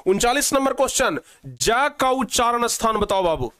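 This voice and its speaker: A man's voice: very high voice, very animated, normal speed, fairly bright tone, dry recording, studio quality. A man teaching an exam-prep grammar lesson, coaxing students and repeating each question.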